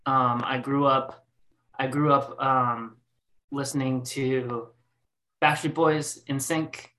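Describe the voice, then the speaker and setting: A young man in his late twenties chats loosely about his musical past on a podcast, taking his time. His voice is bright and unhurried, with plenty of ums, likes and false starts. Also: medium pitch, little pitch movement. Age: 20s. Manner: rambling, full of fillers and restarts. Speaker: band singer. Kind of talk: casual podcast interview.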